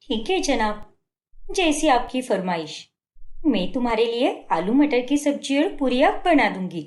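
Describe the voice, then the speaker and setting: A woman's voice: fairly high pitch, sing-song, a little slow, reverberant. A young woman voicing a patient, hurt but dutiful wife in a cartoon, pleading and defensive. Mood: sweet. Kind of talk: Hindi cartoon dubbing.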